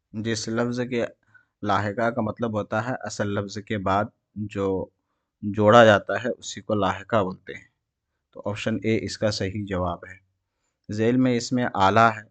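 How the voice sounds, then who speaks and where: Low-voiced man teaching an exam quiz. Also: dry recording. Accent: Indian Urdu. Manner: reads each question and its options, then explains the answer. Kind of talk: exam prep lesson, reading quiz answers.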